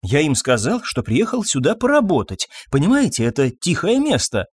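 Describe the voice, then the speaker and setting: A man's voice: on the high side, huge pitch swings, moderate pace, slightly rough, no room sound, clean studio sound, full character voice. A man voicing a fussy, nervous, absent-minded doctor who talks timidly and apologetically in a raised, thin voice. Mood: fretful.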